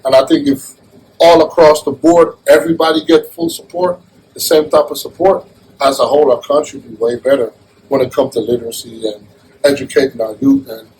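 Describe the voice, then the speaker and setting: A man's voice: medium pitch, fairly even intonation, brisk, darkish tone, slight background noise, rough recording. A man from Jamaica being interviewed, talking in an earnest, casual way and often restarting his phrases. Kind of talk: casual conversation.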